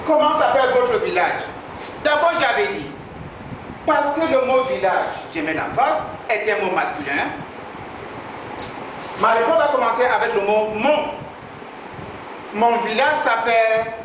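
A man's voice: extremely high pitch, expressive, measured pace, pauses often, noisy background. A man teaching French in a classroom, repeating his answers and switching between French and English. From Nigeria. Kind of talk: classroom lesson. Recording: echoey room, far from mic, tinny lo-fi.

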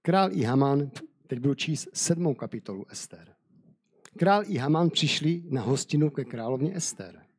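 A man with a husky, mellow voice reads a scripture story aloud in a sermon. When he speaks freely, he pauses on hesitant fillers. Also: medium pitch, expressive. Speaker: preacher.

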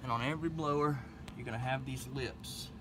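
A relaxed man explains each step of a repair job as he goes, in a casual how-to manner. His voice sits a little back from a body-worn camera mic. Loud noise runs underneath the whole time. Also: medium pitch, a little fast, far from the mic. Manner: relaxed, talks himself through each step. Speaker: HVAC technician. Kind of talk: casual how-to narration while working. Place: attic workspace beside a furnace. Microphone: body-mounted action camera.

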